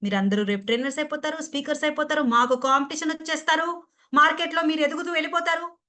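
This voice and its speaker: A woman's voice: sits high, fast talker, bright, forceful tone. A woman with a Telugu accent teaching pronunciation in an online class over a video call, playful and teasing as she quizzes her students. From Andhra Pradesh or Telangana, India. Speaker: English pronunciation trainer.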